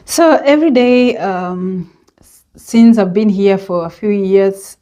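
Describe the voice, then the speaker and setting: Mellow Kenyan woman, reflective. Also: medium pitch. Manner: unhurried and reflective, with many hesitant pauses and fillers. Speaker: vlogger. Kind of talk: reflective personal vlog monologue.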